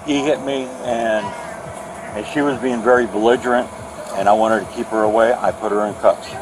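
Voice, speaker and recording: A man telling police about a noise dispute, talking haltingly with many restarts, recorded outdoors on a bodycam. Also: mid-range voice, fairly even intonation. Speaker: neighbor complaining about noise. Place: outdoors at night by a trailer lot. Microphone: officer's bodycam. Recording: noisy outdoor bodycam audio.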